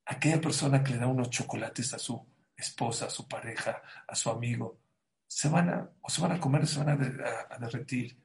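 A man's voice: medium pitch, fairly quick, vocal fry. A man giving a sermon with a parable, emphatic, repeating key phrases and speaking straight to his listeners.

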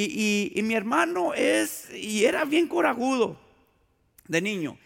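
Predicador de voz aguda y rasposa en una sala con eco. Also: male voice, extremely high pitch, a bit bright. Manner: conversational preaching with vivid storytelling and rhetorical questions. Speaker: pastor. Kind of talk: sermon. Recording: long hall reverb.

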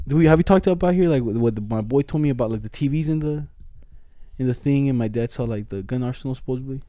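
Young male, slangy casual storyteller, mellow low-brightness tone, dry sound, acts out dialogue. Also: fast talker, no room sound. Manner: animated retelling with acted-out quotes, heavy slang.

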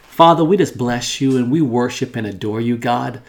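A man's voice: mid-range voice, moderate pace. Fervent man leading prayer. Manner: fervent, repeating "God" and "Lord". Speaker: co-host of a prayer show. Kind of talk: prayer and preaching.

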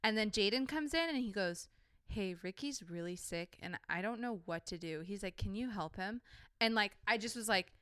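A young woman co-hosting a podcast, chatting in a relaxed way and quoting herself as she retells events. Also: medium pitch, normal speed, clear, resonant tone, dry recording, clean studio sound. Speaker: podcast co-host. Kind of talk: casual storytelling chat.

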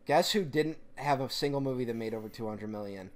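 A man co-hosting a casual podcast, talking in animated, swearing rants. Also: mid-range voice, fairly quick. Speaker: podcast co-host. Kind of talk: casual chat.

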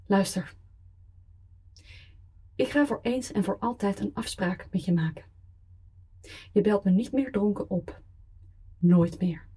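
A woman's voice: mid-range voice, slow pace, long pauses, dark tone, slightly rough. A woman voicing a cold, contemptuous ex-wife who speaks in a controlled, iron voice. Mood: icy contempt. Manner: controlled, icy, cutting.

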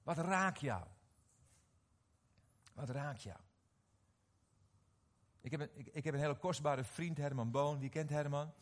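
A middle-aged man preaching a sermon, animated and often questioning his audience, repeating words as he restarts. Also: a little high, a little slow, long pauses. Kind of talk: sermon to a live congregation.

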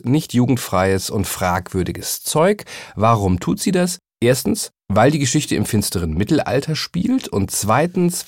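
Animated man hosting a book podcast. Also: mid-range voice, no echo, studio quality. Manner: chatty, enthusiastic, occasional ums. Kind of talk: scripted podcast talk.

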